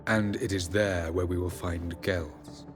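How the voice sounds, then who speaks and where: An actor playing an aloof, ancient elven sage who speaks in a measured, formal, faintly sardonic way. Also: male voice, deep voice, steady tone. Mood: cool formal. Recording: game audio with music behind.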